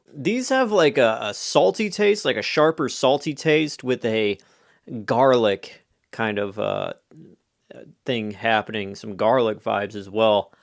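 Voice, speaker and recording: An American man with a mid-pitched voice talks through a snack review in a dry, close-sounding recording. His delivery is casual and conversational, rambling along in an offhand way as he gives his opinions. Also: no echo. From United States. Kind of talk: casual off-the-cuff review chat.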